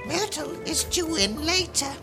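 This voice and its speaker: A man voicing a young female tavern barmaid in a high falsetto during a tabletop game. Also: animated, measured pace. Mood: friendly. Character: flustered young tavern barmaid, eager to help. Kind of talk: tabletop game role-play. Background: background music.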